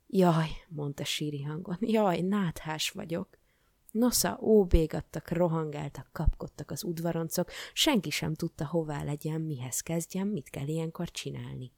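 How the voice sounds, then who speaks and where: A woman reading a children's fairy tale aloud in a lively, playful way. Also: deep voice, vocal fry, dry recording, studio quality. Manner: expressive, playful. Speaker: storybook reader. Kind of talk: lively storybook narration.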